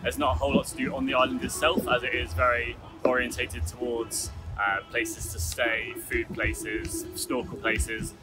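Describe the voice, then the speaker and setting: A man hosting a casual travel vlog outdoors on a tropical island, chatty and relaxed, talking to a handheld camera. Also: mid-range voice, normal speed, few pauses, over loud music. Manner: chatty, relaxed, self-correcting. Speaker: travel vlogger host.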